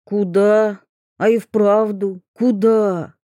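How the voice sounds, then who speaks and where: A woman voicing a lost young peasant man who talks gruffly and demands things. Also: medium pitch, fairly even intonation, extremely slow, warm tone, no echo, studio quality. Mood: defiant.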